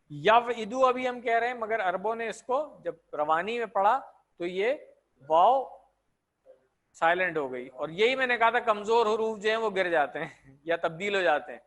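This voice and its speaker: A male teacher with a high-pitched voice gives an online class. He walks students through verb forms slowly and patiently, repeating each form with its meaning and checking often that they follow. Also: fairly bright tone. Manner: patient, repeats conjugations with translations. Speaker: Arabic grammar teacher.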